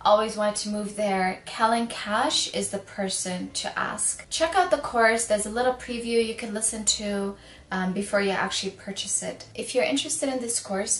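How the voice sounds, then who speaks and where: A woman's voice: mid-range voice, slight background noise. A woman from Sudan reading an upbeat promotional message to viewers, asking questions and listing items. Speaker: ad presenter. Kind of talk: promotional read. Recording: roomy echoing recording.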